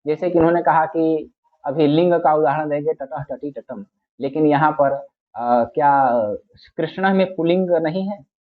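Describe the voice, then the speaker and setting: Speaking a little slowly in a slightly high voice, a man patiently explains grammar, going over every point more than once and reciting classical phrases. The audio sounds thin, like a phone.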